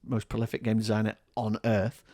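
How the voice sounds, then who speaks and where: A man with a lowish voice talks casually on a board game podcast, wandering through his points and cracking wry jokes. The sound is dry and close to the mic, with no room around it. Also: completely flat delivery, a little fast, warm tone, dry recording. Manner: chatty, rambling, laughs often, wry joking. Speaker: podcast co-host. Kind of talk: casual chat.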